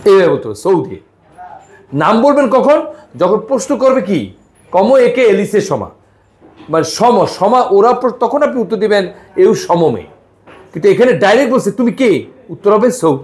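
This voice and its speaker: A man with a Bangladeshi Bengali accent teaching a live language class, coaxing his students and spelling words out slowly letter by letter. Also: high-pitched, animated, a little mellow.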